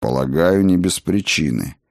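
A man voicing a gruff, protective dragon father in a storybook reading, talking in a low grumble. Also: lively intonation, moderate pace, dry recording, studio quality. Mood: gruff, calm.

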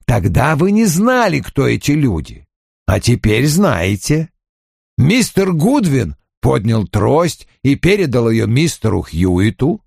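A man voicing a haughty, deliberate older male detective, reading an audiobook in a measured, lecturing manner. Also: medium pitch, big pitch swings, vocal fry, a little mellow, breathy edge, no room sound, clean studio sound, full character voice.

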